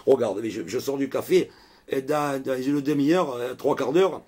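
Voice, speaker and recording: A man tells a meandering story to his viewers in a casual vlog. His voice is husky and sits in an ordinary middle pitch. He rambles, swears freely and keeps tossing in little asides. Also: normal speed, a little mellow. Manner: rambling, chatty, peppered with swearing and "hein". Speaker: vlogger.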